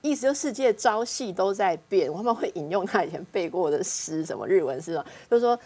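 Fast-talking husky Taiwanese Mandarin woman. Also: mid-range voice. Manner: lively anecdotes, acting out family members' words. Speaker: counselor guest on a talk show. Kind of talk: casual talk-show storytelling.

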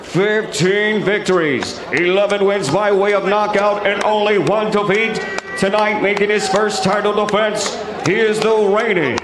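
A man working as a theatrical ring announcer in lucha libre style, with a booming, drawn-out showman delivery. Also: steady tone. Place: boxing ring in a large indoor arena. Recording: echoey arena PA with clear crowd noise.

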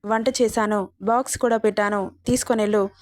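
A woman's voice: mid-range voice, fairly even intonation, a little fast, a little mellow, no echo, clean studio sound, close to an everyday voice. A woman voicing a protective elderly grandmother who speaks in a soothing, consoling way in a read-aloud story.

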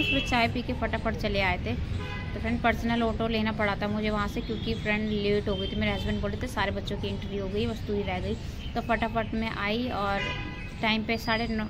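A woman vlogger chatting casually with her viewers while out and about, filming on a handheld phone. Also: a little high. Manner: chatty, addresses viewers as friends. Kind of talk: casual vlog chat. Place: outdoors at a park and school gate.

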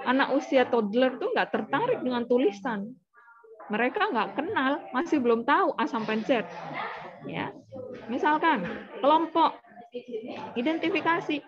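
Higher-voiced woman lecturing on nursing. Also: muffled recording. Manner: explains step by step, asks and answers own questions.

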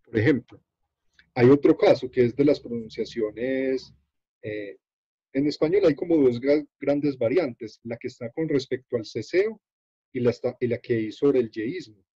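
A man with a Colombian accent leads an online workshop, explaining a web page as he shows it on screen. He talks in a halting, unhurried way, full of fillers and restarts. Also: mid-range voice, warm tone, slightly rough, dry recording. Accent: Colombian Spanish. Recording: dull, dry video-call audio.

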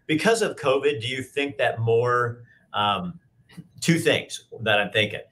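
A man's voice: medium pitch, lively intonation, measured pace, a bit bright. A man in his fifties hosting an interview over a video call, talking in loose, rambling sentences with frequent restarts. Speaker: host. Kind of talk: casual interview chat. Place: indoor office with brick wall. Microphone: video call webcam.

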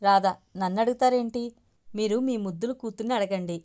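A woman's voice: mid-range voice, brisk, a little mellow, close to an everyday voice. A woman voicing a stern, practical middle-aged mother in a narrated family story. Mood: scolding.

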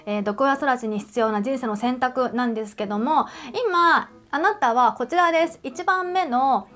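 A woman's voice: sits high, moderate pace, a bit bright. A woman counselor giving advice straight to the camera, emphatic and direct, asking the viewer questions. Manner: uses everyday examples and questions.

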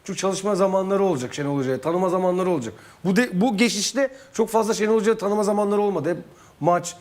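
A man's voice: high-pitched, fast talker, darkish tone. A man, a former footballer, giving his views as a pundit in a football panel discussion.

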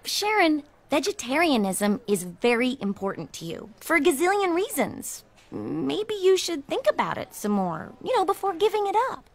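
A frank, sporty cartoon teenage girl. Her voice is very high, and its pitch leaps around with animated energy. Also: moderate pace, hardly any pauses.

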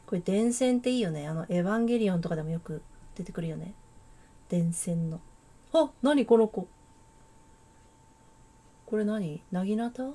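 A woman playing through a game and talking casually as she goes, reacting aloud to what appears on screen. Her voice is mellow and warm, sitting at a middle pitch. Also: expressive, moderate pace, long pauses. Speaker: game streamer. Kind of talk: casual let's-play commentary.

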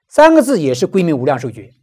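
A woman's voice: deep voice, wildly swooping pitch, quick pace, a little mellow, husky. A woman giving a Buddhist scripture commentary lecture, explaining patiently and posing rhetorical questions she answers herself.

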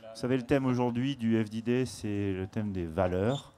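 Man, conference moderator, lowish pitch, chatty, repeats words. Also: moderate pace, warm tone, a little hiss or hum. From France. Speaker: panel moderator.

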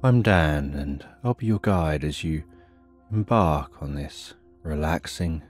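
A man narrating a bedtime sleep story in a calm, soothing, unhurried way with long pauses, as a sleep story narrator. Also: extremely low pitch, faint music behind. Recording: soft rain behind the voice. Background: rain.

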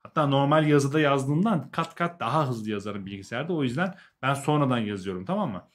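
A man's voice: medium pitch, expressive, fairly quick. A young adult man with a Turkish accent teaching a live language lesson, explaining, translating and repeating key words for learners.

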